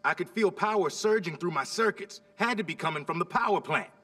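An actor playing a brash, streetwise young cyborg superhero in a video game, punchy and slangy. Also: male voice, high voice, expressive, fairly quick, sharp tone, far from the mic. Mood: brash, urgent. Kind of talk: video game cutscene acting.

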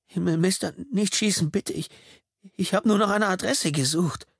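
Man voicing a panicked teen delivery boy, high breathless pleading, dry close audiobook sound. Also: very animated, a little slow, creaky, breathy edge, no room sound, exaggerated voice. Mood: frightened.

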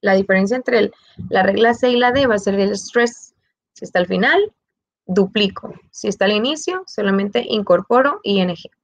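A woman with a Mexican Spanish accent giving a bilingual grammar lesson, explaining slowly, repeating her examples and checking in with "ok?". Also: mid-range voice, animated, poor audio. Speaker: English teacher.

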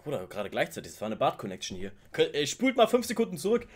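Lively, excitable man reacting to music. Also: a little high, quick pace, slight background noise. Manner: excited, slangy street talk, hums melodies along. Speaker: YouTuber reacting to a music video. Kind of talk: casual reaction commentary. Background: rap music playing faintly.

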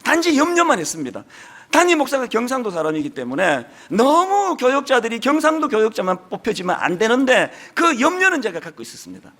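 A man's voice: extremely high pitch, wildly swooping pitch, fairly quick, a bit bright. A middle-aged male pastor with a strong Gyeongsang Korean accent, preaching a sermon in an earnest, emphatic way. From Gyeongsang region, South Korea.

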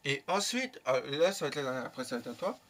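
A young man telling a casual story in a lively, slangy way, with plenty of swearing. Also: medium pitch, fast talker. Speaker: YouTuber.

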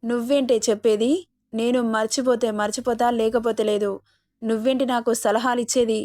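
A woman's voice: a little high, flat delivery, a little fast, darkish tone, no room sound, clean studio sound, natural voice. A woman voicing an intense, possessive young man who speaks fiercely and demands answers, in a storytelling reading. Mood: angry.

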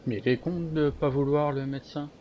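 A man's voice: medium pitch, little pitch movement, a little fast, dull audio, loud music behind the voice. A man chatting casually with teammates during a video game. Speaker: gamer. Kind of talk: casual team game chat. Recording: noisy game voice chat with clicks.

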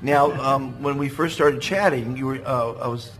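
A man's voice: medium pitch, moderate pace, rough recording. A man interviewing a guest in a hotel cafe, talking enthusiastically and calling things fantastic. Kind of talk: casual interview chat. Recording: music playing under the speech. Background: music in the background.

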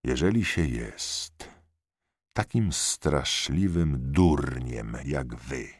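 Sneering army lieutenant, deep-voiced, slow and cutting. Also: male voice, breathy edge, no room sound, studio quality, heavily acted. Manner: slow, cutting, rising to furious shouts. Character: pompous sneering Austrian army lieutenant, male. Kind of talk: audiobook character voice.

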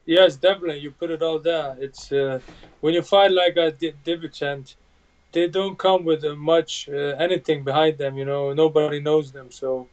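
A native Bosnian speaker in his thirties, a UFC fighter appearing as a guest, answers interview questions in English from a room at home over a video call. His fairly high voice has fairly even intonation, and his plain, halting speech is full of fillers and restarts. The webcam audio comes through dull and lo-fi.

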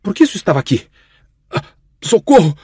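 A man voicing a young princess, a gentle and doting older sister, who speaks in a soft, hushed whisper. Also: mid-range voice, big pitch swings, moderate pace, breathy edge, dry recording, studio quality, exaggerated voice. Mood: panicked.

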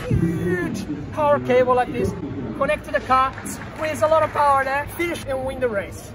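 A man in his thirties, hosting his channel in an indoor expo hall, talking excitedly in loose, rapid phrases. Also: very high-pitched. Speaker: channel host. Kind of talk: casual expo walkthrough. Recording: crowd noise behind.

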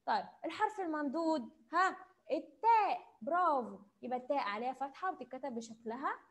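High-voiced Egyptian kindergarten teacher. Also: female voice, expressive. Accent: Egyptian Arabic. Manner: slow, drawn-out prompting questions with cheerful praise. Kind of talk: online class for young children. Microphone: computer mic on a video call.

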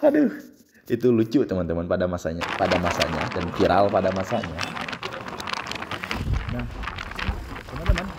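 A man's voice: low-pitched, huge pitch swings, normal speed, pauses often. A young man riding a motorbike outdoors, chatting casually to his viewers in a travel vlog, often repeating himself and calling them friends. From West Java, Indonesia. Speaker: motovlogger. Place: outdoors on a motorbike on a busy road. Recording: loud engine and road noise.

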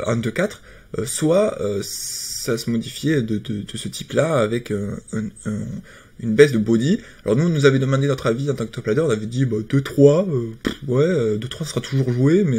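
Husky, hesitant male game commentator. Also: medium pitch, darkish tone. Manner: hesitant, many fillers and restarts. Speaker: card game video commentator. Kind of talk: casual patch-notes commentary.

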